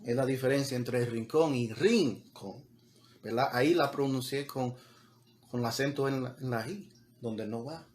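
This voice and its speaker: A man's voice: medium pitch, moderate pace, darkish tone, a little hiss or hum. A man preaching a sermon as pastor, talking conversationally with repeated words and building to emphatic peaks, mixing in English words.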